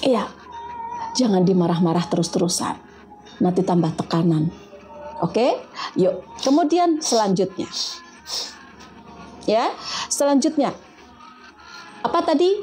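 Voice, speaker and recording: A woman preaching to a gathered audience in a lively, conversational way, often asking questions of her listeners and slipping in Arabic prayers. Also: unhurried, long pauses, faint music behind. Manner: lively, animated, rising and falling in pitch, addresses audience as friends; mixes casual speech with Arabic prayers. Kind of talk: religious talk to a live audience.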